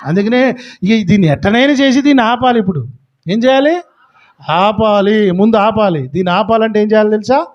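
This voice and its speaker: A man's voice: high-pitched, normal speed, highs cut off. A man preaching a sermon as a pastor, emphatic, with frequent rhetorical questions.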